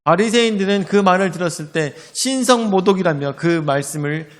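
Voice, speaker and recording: A man's voice: sits high, animated, brisk, big-room sound. A male pastor preaching a sermon, telling the story vividly and acting out the voices of a crowd.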